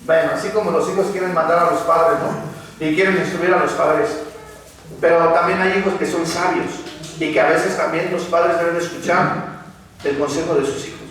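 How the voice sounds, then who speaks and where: High-voiced preacher in an echoey hall. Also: male voice, steady tone, normal speed, fairly bright tone. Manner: asks the congregation rhetorical questions. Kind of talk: sermon. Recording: echoey hall, mic far off.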